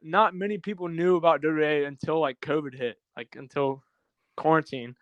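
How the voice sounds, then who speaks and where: A teenage guy speaks as a guest on a podcast over a video call, easygoing and a bit hesitant, leaning on "like" as he thinks. His voice is smooth and clear and sits a little high. The sound is dry, with no room around it. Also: fairly even intonation, moderate pace, dry recording, lo-fi sound. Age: teens. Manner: easygoing, hesitant, heavy use of "like". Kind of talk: casual chat.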